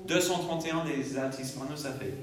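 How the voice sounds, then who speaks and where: A man's voice: a little high, steady tone, brisk, a crowd in the background. A man leading a choir rehearsal, counting beats aloud and singing short phrases to show the rhythm. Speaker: choir conductor. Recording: very echoey, voice far from mic, audible background noise.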